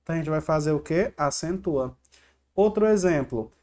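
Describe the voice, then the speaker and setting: Warm and expressive, a Brazilian man with a fairly high voice teaches grammar for exam prep online while presenting slides. At normal speed, he asks viewers questions, supplies the answers, and drills catchy rhymes over and over.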